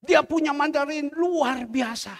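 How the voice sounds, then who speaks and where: A man's voice: very high voice, unhurried. A pastor preaching a sermon, emphatic and repetitive, acting out the people he quotes. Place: large church hall. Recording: reverberant church hall.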